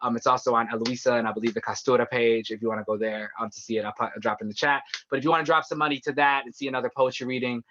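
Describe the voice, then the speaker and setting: A man reads poetry in a bright, clear-edged voice over a video call, the audio dull and lo-fi. Between poems he talks loosely, with plenty of ums. His pitch sits in an ordinary middle range. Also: fairly even intonation, racing, few pauses. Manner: rhythmic and intimate when reading, loose and filler-heavy when talking. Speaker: featured poet. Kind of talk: poetry reading and casual announcements.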